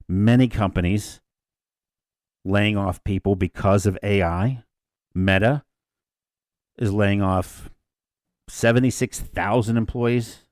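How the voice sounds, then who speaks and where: A man's voice: fairly low pitch, fairly even intonation, takes it slowly, pauses often, darkish tone, no echo, clean studio sound. A man in his fifties co-hosting a casual discussion podcast, rambling a little and often restarting his sentences. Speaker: podcast co-host.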